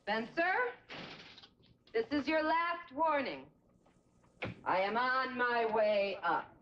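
An actress playing an exasperated, sardonic middle-aged sitcom mom with an American accent and a demanding manner. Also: female voice, on the high side, sing-song, moderate pace. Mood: exasperated, calling. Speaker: actor. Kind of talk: sitcom acting. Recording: dull 1980s TV soundtrack, faint noise.

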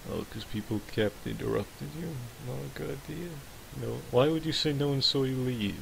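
A man's voice: mid-range voice, normal speed, creaky, slight background noise, poor audio. A man commentating a game he's playing, swearing constantly and rambling through his thoughts. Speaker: gaming YouTuber. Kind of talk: let's play commentary.

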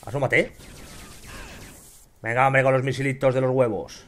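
Young guy from spain playing a shooter, yells and curses a lot, medium voice. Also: medium pitch, moderate pace. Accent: Spain Spanish. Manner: excitable, swears often, shouts at enemies. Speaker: gamer. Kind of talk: gameplay commentary.

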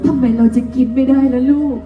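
Woman playing a gentle, long-suffering mother. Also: sits high, steady tone, fast talker, far from the mic, soft background music, close to an everyday voice. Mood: tender. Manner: soft, coaxing, pleading. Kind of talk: live Thai folk stage drama. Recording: dull, echoey live stage heard from afar.

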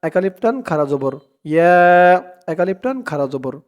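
A man teaching Quran reading in Bengali with a Bangladeshi accent, spelling out words letter by letter and chanting the verses slowly. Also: fairly high pitch, lively intonation, darkish tone. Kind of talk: slow step-by-step Quran recitation lesson.

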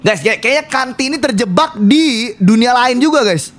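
A man streaming a horror game, talking loudly and rowdily to his chat and swearing often. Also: extremely high pitch, lively intonation, normal speed. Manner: loud, rowdy, swearing, addresses chat constantly. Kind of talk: live-stream gameplay commentary.

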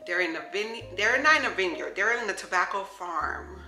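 A woman in her thirties talks to her viewers from her home kitchen in a bright, forward voice, chatty and upbeat. The kitchen gives her voice an echo, and faint music plays underneath. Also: mid-range voice, expressive, moderate pace. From New York. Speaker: lifestyle vlogger. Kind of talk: casual chat to camera. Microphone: camera close on the counter.

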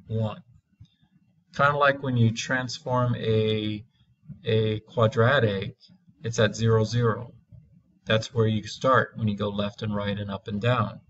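A man teaching a math lesson, walking through graphs slowly and deliberately, stretching key words for emphasis. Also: medium pitch, muffled recording.

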